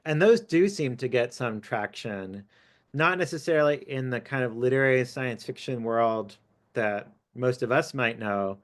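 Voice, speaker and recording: A man's voice: medium pitch, normal speed. A man, an author, talking over an academic discussion in a thoughtful, hesitant way with frequent fillers. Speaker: author and guest speaker. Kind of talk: academic talk.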